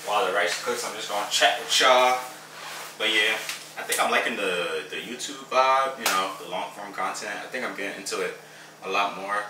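A young man with a fairly low voice chats casually at a normal speed on his fitness vlog, laid-back and full of slang. He's filmed on a camera mic in his home kitchen and an outdoor field, so the sound is roomy and off-mic, with music underneath.

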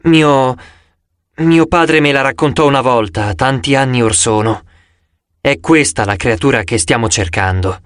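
A man's voice: mid-range voice, a little slow, a bit bright, clean tone, no room sound, studio quality, pitched below the performer's own voice, natural voice. A man voicing a proud young immortal huntress who speaks in grave, old-fashioned phrases, in an audiobook.

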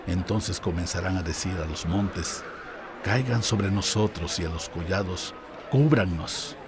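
A man voicing a solemn condemned teacher who speaks a calm, measured warning in a Bible reading. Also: sits low, background noise.

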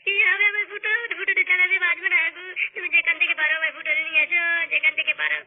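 A woman's voice: extremely high pitch, little pitch movement, racing. A woman voicing a tearful young cartoon wife crying for her missing husband, heard through a tinny, phone-like sound. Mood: wailing. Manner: crying, wailing.

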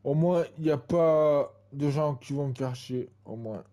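A man's voice: on the high side, a little slow, warm tone. A man in his twenties giving casual gameplay commentary, rambling and full of fillers and repeated tags. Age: 20s. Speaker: gaming channel host.

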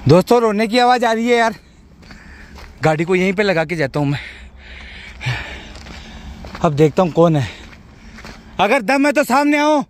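A frightened man with a hoarse voice, calling out into the dark beside his car while filming a night ghost-hunting vlog. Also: high voice, lively intonation, moderate pace, pauses often, a little hiss or hum. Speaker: vlogger.

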